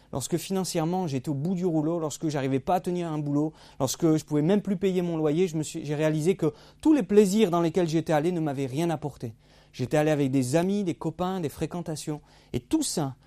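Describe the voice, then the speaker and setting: Male preacher, high mellow voice, vivid storyteller who acts out every quote. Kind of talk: testimony sermon.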